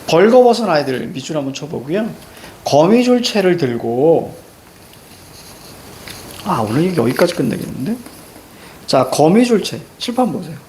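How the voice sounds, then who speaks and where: A man's voice: a little high, normal speed, long pauses, a little hiss or hum. A male teacher giving a classroom lecture, telling stories with jokey asides. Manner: animated storytelling, jokey asides.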